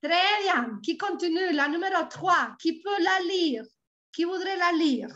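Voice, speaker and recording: A woman with a Colombian Spanish accent, a native Spanish speaker, tutoring French over a video call. She repeats words slowly and patiently. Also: very high-pitched, expressive, a bit bright. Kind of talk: online language lesson. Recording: dull lo-fi online call audio.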